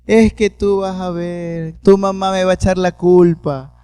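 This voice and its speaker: A woman's voice: fairly low pitch, steady tone, a little slow, mellow, clear, resonant tone, no room sound, voice pushed up, natural voice. A man voicing his elderly grandmother, who talks in a plaintive, whiny way as she frets and protests. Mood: fretful. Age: older. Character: fretful elderly grandmother, fussing and fearful.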